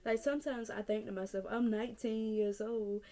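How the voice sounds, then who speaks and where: Talking a little fast in a slightly high, mellow, steady voice, a nineteen-year-old woman from North Carolina addresses her camera earnestly. The casual vlog is captured on the camera mic, and she repeats her points to encourage the viewer.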